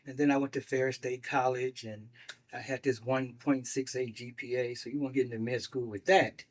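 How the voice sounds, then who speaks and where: A man in his sixties, a doctor and guest on a talk show, telling his life story in a lively way, acting out the voices of people he quotes. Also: medium pitch, moderate pace. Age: 60s. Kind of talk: casual storytelling.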